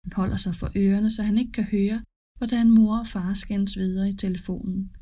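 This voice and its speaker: A woman reading a children's story aloud in a calm, even storytelling manner. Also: mid-range voice. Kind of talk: scripted story narration.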